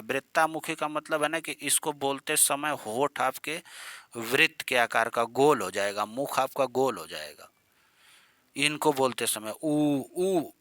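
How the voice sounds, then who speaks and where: A young man leads an exam-prep grammar lesson, talking in a chatty, coaxing way and calling his students "beta". His voice is bright and clear at an ordinary pitch. The sound is dry and close, with no room echo. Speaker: teacher.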